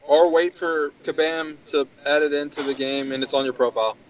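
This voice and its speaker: A man's voice: a little high, steady tone, brisk, crowd noise. A man talking casually as a co-host on a gaming show. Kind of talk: casual chat. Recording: dull lo-fi voice chat audio.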